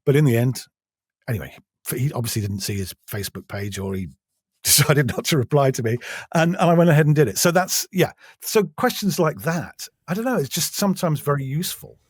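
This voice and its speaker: A man's voice: a little high, lively intonation, fairly quick, slightly rough, dry recording, studio quality. A middle-aged English man, an audiobook narrator chatting in an interview, self-deprecating and full of restarts. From England. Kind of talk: casual interview chat.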